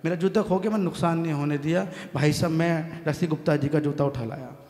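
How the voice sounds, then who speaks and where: A man with a north Indian Hindi accent performing stand-up comic poetry on stage, punchy and building to loud punchlines. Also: on the high side, fairly quick, a crowd in the background. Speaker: comic poet. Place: large hall stage at a poets' gathering. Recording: echoey hall with long reverb.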